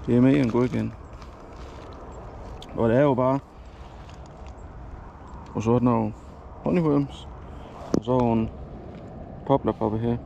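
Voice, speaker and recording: A man with a creaky, dark, mid-range voice and fairly even intonation narrates his lakeside fishing trip for a casual vlog, pausing often and rambling with self-corrections. The head-mounted action camera audio is dull, with slight background noise.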